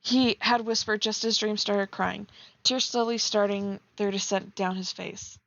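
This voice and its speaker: A streamer reads fan fiction aloud and critiques it, chatting casually with teasing, blunt remarks and sarcastic asides. Her medium-pitched voice is steady, a little slow, creaky and a bit bright. The recording has no room sound but is muffled.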